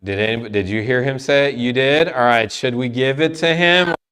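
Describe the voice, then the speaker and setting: A man leading a trivia game for a church youth group, talking playfully and sometimes loud. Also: medium pitch, normal speed, smooth. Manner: playful, lively, loud at times.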